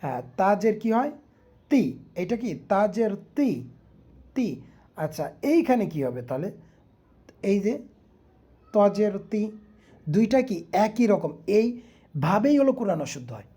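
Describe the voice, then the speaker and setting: Female Quran teacher, mellow and warm, drills letter sounds one by one and asks the viewer questions. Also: medium pitch, very animated, husky. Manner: repeats letters slowly, quizzing the viewer. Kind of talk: online recitation lesson.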